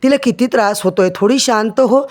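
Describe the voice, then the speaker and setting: A man's voice: extremely high pitch, brisk. A man voicing a young son who pleads with his mother in a retold serial story, in an exasperated, pleading way.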